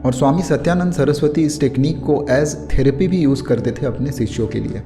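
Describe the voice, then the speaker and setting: A man with an Indian accent giving an explanatory meditation lesson in a soothing, unhurried yoga-teacher manner. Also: medium pitch. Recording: clear music bed under the voice. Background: music.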